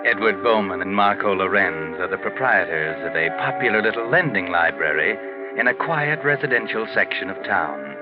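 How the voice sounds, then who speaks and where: The Whistler, ominous low-voiced radio narrator. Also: male voice, animated. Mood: knowing, dramatic. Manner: slow, ominous, theatrical. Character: The Whistler, ominous mysterious male narrator of crime tales. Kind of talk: 1940s radio mystery narration. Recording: muffled 1940s radio recording, loud music behind. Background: loud music.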